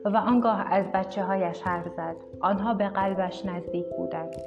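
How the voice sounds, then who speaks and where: A woman narrator reading an audiobook in a steady, even storytelling manner. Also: medium pitch. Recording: dull recording with music behind.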